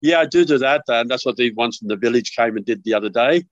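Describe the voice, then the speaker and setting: A man's voice: mid-range voice, fast talker, no room sound, dull audio. An older man with an Australian accent, a podcast guest telling rambling stories with many restarts over a remote call. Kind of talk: casual remote interview.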